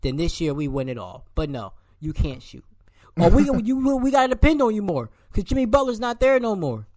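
A man's voice: high-pitched, very animated, a little fast, a little mellow, no room sound. A man co-hosting a casual sports podcast, ranting animatedly and calling players and coaches out. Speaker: podcast co-host.

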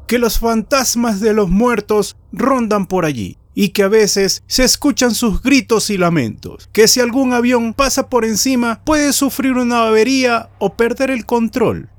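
A man's voice: very high voice, measured pace, hardly any pauses, no echo, pitched above the performer's own voice. A man playing a young male co-pilot who tells spooky legends. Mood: ominous. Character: young male co-pilot telling ghost stories.

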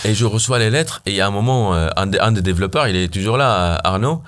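Guy, lowish voice, chatty founder telling war stories, lots of euh. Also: fast talker. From Syria. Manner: animated, many fillers and restarts. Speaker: startup founder guest. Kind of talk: casual interview storytelling.

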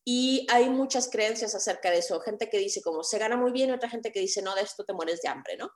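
A woman in her thirties with a Mexican accent, a guest telling her story in casual, lively, self-mocking anecdotes. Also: medium pitch, a little fast. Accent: Mexican Spanish. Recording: echoey room.

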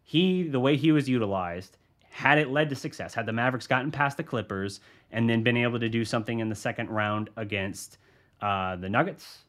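On his solo sports podcast, the host speaks in a lowish voice with a fairly bright tone. He's a sports journalist who muses through his takes casually, with plenty of restarts along the way.

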